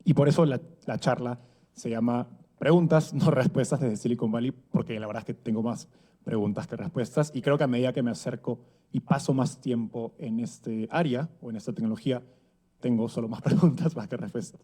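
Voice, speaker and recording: A man in his thirties speaks from an event stage in a mellow, relaxed voice. His talk is conversational and full of fillers and little rhetorical tags. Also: mid-range voice, a little fast. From Peru. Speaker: speaker giving a conference talk. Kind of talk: conference talk. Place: event stage before an audience.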